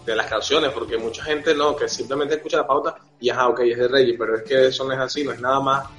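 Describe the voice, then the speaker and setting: A man co-hosting a podcast in excitable casual chat, quick to laugh. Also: medium pitch. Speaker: podcast co-host. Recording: roomy, dull, with faint music.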